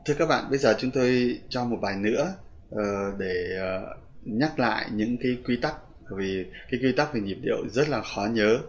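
A man teaching a pronunciation lesson, patiently explaining with fillers and reading English phrases slowly, beat by beat. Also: medium pitch. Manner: slow, deliberate reading of English phrases, stressing each beat.

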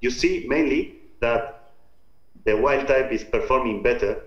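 A man from Spain's Basque Country with a Basque Spanish accent, giving an informal scientific lecture in a halting, step-by-step explanatory way. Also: medium pitch. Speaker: researcher presenting own work. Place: remote talk over video call. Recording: muffled, roomy video-call audio.

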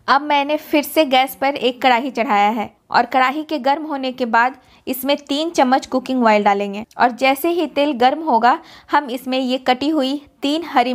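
A woman giving a calm, step-by-step cooking voice-over as host of a recipe channel. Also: high voice. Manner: calm, instructive, explains each step.

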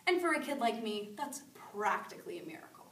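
A woman's voice: medium pitch, big pitch swings, brisk, natural voice. A young woman acting a grieving teenage girl in a stage monologue, pleading with God in tragic sorrow. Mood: hurt, bewildered. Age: young adult. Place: medium-sized school classroom, indoors. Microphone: camera several metres away. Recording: echoey room, distant microphone.

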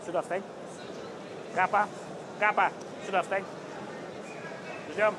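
Male MMA referee, high voice, short commands, recorded live in a noisy arena. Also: fairly even intonation, takes it slowly. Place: large indoor fight cage.

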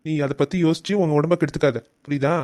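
A man's voice: a little high, steady tone, quick pace, a little mellow, no room sound, natural voice. A man voicing a teasing, dismissive middle-aged husband in a cartoon family drama. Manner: dry, mocking.

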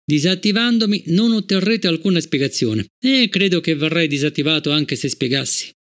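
Narrator playing defiant captain, curt, clipped, stubborn, audiobook. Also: male voice, a little high, lively intonation, moderate pace, a bit bright.

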